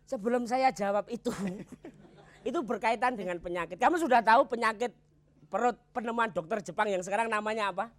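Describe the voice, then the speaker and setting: A man plays a contestant on a comedy quiz, answering questions with jokes. He sets each gag up and lets the punchline land slowly. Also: high-pitched, fairly bright tone.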